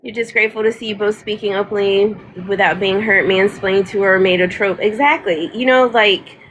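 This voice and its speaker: A woman's voice: medium pitch, fairly even intonation, moderate pace, a bit bright, a little hiss or hum, poor audio. A woman, talking casually and emphatically on a livestream, repeating words for stress. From North Carolina, US. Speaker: livestream host.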